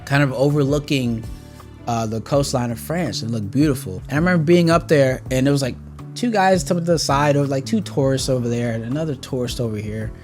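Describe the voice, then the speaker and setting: A man's voice: medium pitch, brisk, a little mellow, soft background music. A man in his twenties casually telling a rambling, profane storytime tale to camera. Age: 20s. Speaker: vlogger.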